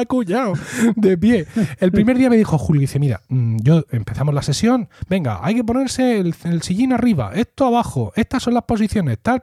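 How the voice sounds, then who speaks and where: A man's voice: a little high, warm tone, dry recording, studio quality. A middle-aged man hosting a podcast, chatting casually and acting out quoted dialogue as he tells a story. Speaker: podcast host. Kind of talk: casual chat.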